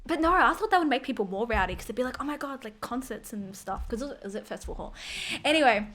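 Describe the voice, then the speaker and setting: A woman's voice: a little high, expressive, quick pace, fairly bright tone. A young woman, co-hosting a podcast and telling stories in a loose, chatty way, full of fillers and casual swearing. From Australia. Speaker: podcast co-host. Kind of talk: casual chat.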